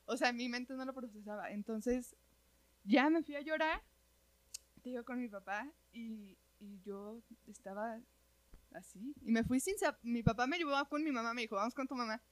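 Woman, Mexican accent, casual chat, animated and slangy, fairly high voice, dry close sound. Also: normal speed, dry recording. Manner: animated, slangy, often says "güey". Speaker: storyteller.

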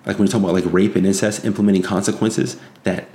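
A man's voice: fairly low pitch, little pitch movement, fast, dark tone. A man delivering an unscripted opinion monologue as a commentator, earnest, insistent and moralizing, warning of threats and repeating phrases for emphasis. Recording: echoey room, faint background noise.

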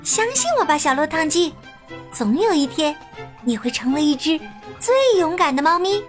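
A woman voicing a kind, brave little chick in a children's storybook, bright and eager. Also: sits high, expressive, normal speed, soft background music, pitched above the performer's own voice. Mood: encouraging. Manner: bright and eager, cheering others on.

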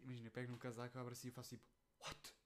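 A young man with a European Portuguese accent, co-hosting a casual podcast chat with deadpan, absurd jokes. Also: medium pitch, rapid-fire, slight background noise. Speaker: podcast co-host.

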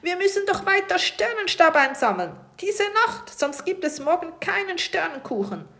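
A vain, pot-bellied sky pirate captain voiced by a woman who blusters and shouts in a high, loud voice. He is grumpy and full of himself, a bedtime storybook figure. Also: sing-song, moderate pace, full character voice. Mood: blustering.

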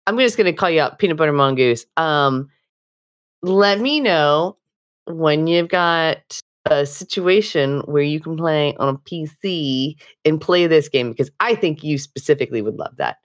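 A woman's voice: deep voice, animated, measured pace. A woman co-hosting a gaming podcast in casual chat, teasing and laughing often. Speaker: podcast co-host.

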